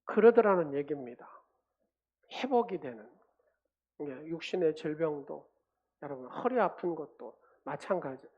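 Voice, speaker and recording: A man's voice: a little high, lively intonation, unhurried, long pauses, slightly rough. Man, pastor, emphatic sermon, call-and-response with the congregation, dull lo-fi recording. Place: church sanctuary.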